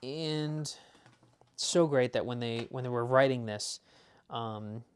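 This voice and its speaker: A man's voice: medium pitch, smooth. Male collector host, casual unboxing chat, rambling and enthusiastic, heavy on fillers. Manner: talks fast at times. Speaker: movie collector showing his discs.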